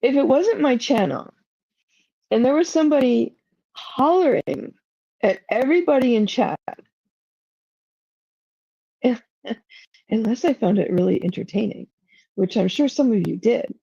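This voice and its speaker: Woman streamer, casual livestream talk, emotional and rambling, dark gravelly tone, dry lo-fi sound. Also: on the high side, expressive, unhurried, pauses often, no room sound. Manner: rambling, emotional, self-doubting; frequent "like" fillers.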